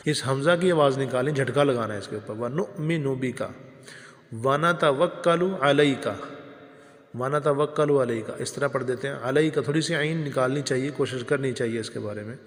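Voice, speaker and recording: A man's voice: medium pitch, hardly any pauses, in a large hall. A man teaching careful recitation, patiently correcting pronunciation word by word. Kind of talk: religious recitation lesson.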